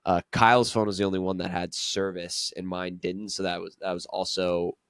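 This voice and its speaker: Very deep, flat-voiced male podcast host. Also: normal speed, smooth, dry recording, studio quality. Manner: relaxed, chatty, laughs often. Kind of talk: casual travel storytelling.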